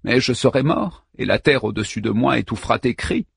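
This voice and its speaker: A man's voice: mid-range voice, brisk, vocal fry, breathy edge, no echo, studio quality, heavily acted. A man voicing a grim, stoic warrior who answers in short, impassive lines. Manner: terse and impassive.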